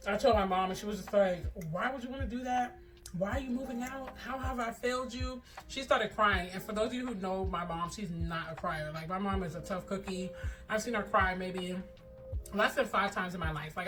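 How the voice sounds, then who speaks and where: A young woman vlogger chatting casually in a slangy, animated way, telling personal stories and giving advice, often acting out dialogue. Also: mid-range voice, distant mic.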